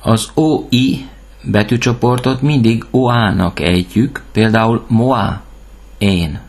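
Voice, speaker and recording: A man teaching a language lesson, reading words and their translations one by one with short pauses. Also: medium pitch, darkish tone. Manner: reads word lists, pausing after each item. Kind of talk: slow, clear language lesson.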